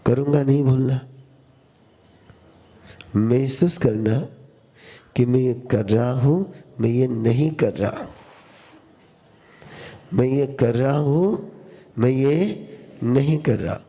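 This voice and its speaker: A man's voice: mid-range voice, warm tone. A man giving a sermon as a spiritual teacher, teaching in short repeated phrases and quizzing his listeners. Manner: slow, repetitive call-and-response teaching, quizzing listeners. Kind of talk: sermon to a live audience.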